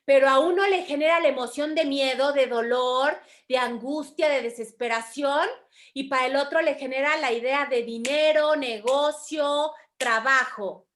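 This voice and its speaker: Woman, Mexican accent, teacher, high voice, animated, expressive, warmly addressing students. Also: normal speed. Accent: Mexican Spanish. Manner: animated, acts out quoted voices, calls students affectionately. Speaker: spiritual study group teacher. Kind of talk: teaching a course in an online group class.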